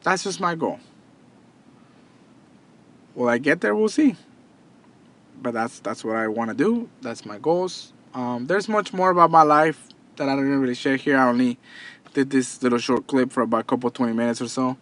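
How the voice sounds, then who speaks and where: At a moderate pace with long pauses, a podcast host and entrepreneur in his thirties gives a casual motivational monologue in a fairly bright, mid-range voice. He speaks earnestly to his audience, often going back over his words and restarting.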